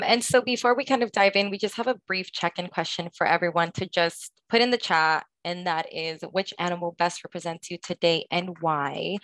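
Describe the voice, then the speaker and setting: A woman from Los Angeles, California, who advises a student organization gives an informal presentation in an online conference session. Her fairly low voice sounds pushed and bright in a dry, rough recording, and she speaks somewhat hesitantly with frequent fillers.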